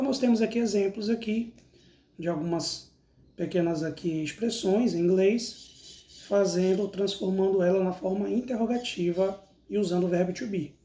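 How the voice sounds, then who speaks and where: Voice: medium pitch, moderate pace, dark tone. An English teacher with a Brazilian Portuguese accent, giving a recorded lesson that reads out each example and then its translation. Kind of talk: slow recorded language lesson. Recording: roomy, echoey recording.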